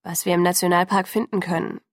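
A woman reading the lines of a brooding, protective teenage vampire boy, quiet and insistent, in an audiobook. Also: on the low side, level tone, quick pace, dry recording, studio quality, close to an everyday voice. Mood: serious.

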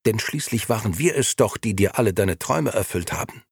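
A man reading an audiobook, voicing a menacing unseen male voice that speaks as "we", slow, taunting and condescending. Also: lowish voice, animated, gravelly, breathy edge, no room sound, studio quality, heavily acted. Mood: mocking.

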